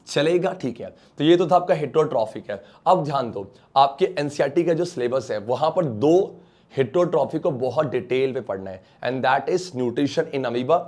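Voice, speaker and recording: An Indian male teacher giving an online science lecture. He coaxes his students along with quick questions, then answers them himself. His delivery keeps slipping English technical terms into his speech. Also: medium pitch, lively intonation, darkish tone. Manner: coaxing, calls students beta and bachcha, mixes English terms.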